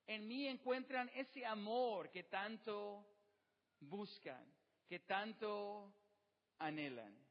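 High-voiced man preaching, reverberant and dull. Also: slow pace. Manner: warm pastoral preaching with questions to the congregation. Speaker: pastor. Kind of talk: sermon. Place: outdoor service with birds nearby. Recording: dull sound with long reverb.

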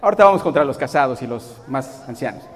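A man preaching a sermon in an animated way, acting out the voices of the people he quotes. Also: medium pitch, quick pace, in a large hall.

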